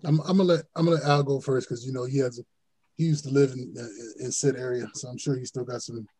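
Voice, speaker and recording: A man co-hosting a casual sports podcast, talking in an animated way, swearing freely and often laughing. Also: medium pitch, fast, slightly rough, low-quality recording. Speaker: podcast co-host.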